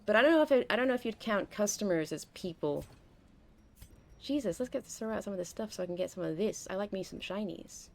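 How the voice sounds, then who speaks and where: Gravelly-voiced woman streamer chatting. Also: medium pitch, animated, fast. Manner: rambling, self-interrupting, chatty. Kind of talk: casual gameplay commentary.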